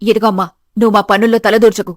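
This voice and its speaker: A woman voicing a harsh middle-aged mother-in-law who scolds loudly. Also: medium pitch, flat delivery, fast, no echo, studio quality, voice pushed down, natural voice. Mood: scolding. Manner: scolding, loud.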